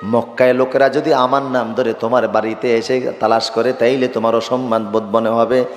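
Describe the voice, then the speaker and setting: A man voicing a frightened, tearful four-year-old girl who pleads with her father in a high, crying voice. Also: flat delivery, moderate pace, a little hiss or hum, close to an everyday voice. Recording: echoey hall with long reverb.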